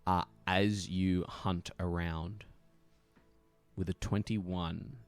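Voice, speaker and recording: A man narrating scenes as game master of a tabletop game, in a relaxed manner with fillers. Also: deep voice, very slow, clean tone, faint music behind.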